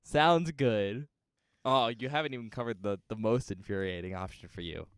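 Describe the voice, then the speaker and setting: Smooth-voiced, teasing man on a podcast. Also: lowish voice, normal speed, no room sound, studio quality. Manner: teasing, laid-back, laughs often. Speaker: podcast co-host. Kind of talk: casual chat.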